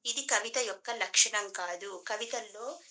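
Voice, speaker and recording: Woman doing a proud male court poet, sarcastic, lecturing, bright voice. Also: medium pitch, unhurried.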